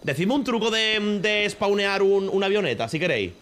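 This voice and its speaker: Lively man streaming, swearing freely. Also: sits high, normal speed. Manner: animated, swears freely, bursts into laughter. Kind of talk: casual live-stream chat while gaming.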